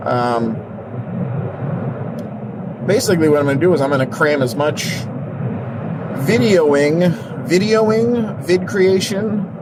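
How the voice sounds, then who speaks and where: A young man talks slowly and a little high as he vlogs from behind the wheel at night. He rambles and jokes at his own expense, with a scratchy cough. Loud car and road noise runs under everything he says. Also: lively intonation. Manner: rambling, self-mocking, joking. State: scratchy cough, coming down with something. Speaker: vlogger. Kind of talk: casual vlog while driving.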